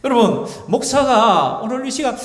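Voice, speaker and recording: A man's voice: very high voice, big pitch swings, moderate pace. A male pastor with a Busan accent delivering a sermon, emphatic and constantly checking in with his congregation. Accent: Gyeongsang Korean (Busan). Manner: emphatic, keeps asking the congregation "right?". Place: church sanctuary. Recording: echoey church hall reverb.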